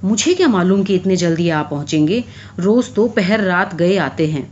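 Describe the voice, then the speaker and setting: A woman's voice: lowish voice, expressive, a little mellow, muffled recording, a little hiss or hum, lightly acted. Haseena, a woman voicing a reproachful young woman. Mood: frightened. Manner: reproachful, bitter.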